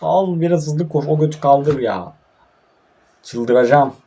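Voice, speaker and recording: A man's voice: on the high side, slow pace, mellow, slightly rough. Grumbling young man playing a mobile football game. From Turkey. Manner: frustrated, grumbling, swears often. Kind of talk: casual gameplay commentary.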